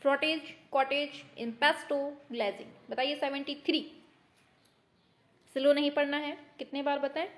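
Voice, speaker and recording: High-voiced teacher woman, brisk and teasing. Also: fairly even intonation, a bit bright. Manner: brisk, teasing, mock-scolding students as kids. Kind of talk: online exam-prep quiz lesson.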